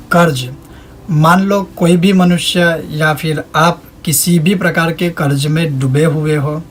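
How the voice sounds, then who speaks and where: A man teaching a devotional ritual, explaining its meaning and reciting Sanskrit verses in a slow, measured chant. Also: on the high side. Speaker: religious teacher.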